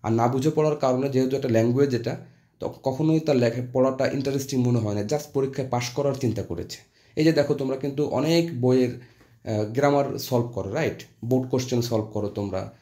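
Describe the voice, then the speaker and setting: A man teaching English grammar over lesson slides. His voice is mellow and warm, set at an ordinary middle pitch. He reads the example sentences slowly and carefully, then explains them in easy Bengali mixed with English terms.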